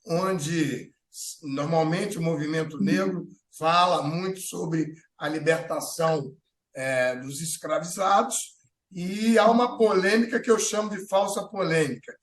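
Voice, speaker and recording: A Brazilian man hosts a talk show, voicing strong opinions. His voice sits high and often hesitates and restarts mid-sentence. The sound carries a clear room echo. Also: measured pace. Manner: thinks aloud with many fillers and restarts. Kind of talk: opinionated political chat.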